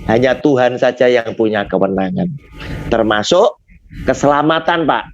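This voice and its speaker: A man's voice: mid-range voice, normal speed, a little hiss or hum. A man leading a Bible study, explaining points with rhetorical questions he answers himself and often addressing his listener as sir. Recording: dull lo-fi recording.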